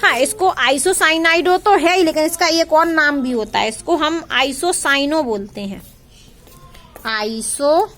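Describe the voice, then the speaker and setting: High-voiced woman teaching chemistry. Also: a little slow, a bit bright, soft background music. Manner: repeats terms and quizzes students with questions; addresses students affectionately as child. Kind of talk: classroom lecture.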